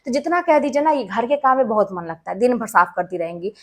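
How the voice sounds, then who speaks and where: Woman with a slightly high voice, earnest and emphatic, for an informal motivational study-tips talk. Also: quick pace. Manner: earnest, emphatic, speaks directly to listeners. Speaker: schoolteacher. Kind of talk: casual advice talk to exam aspirants.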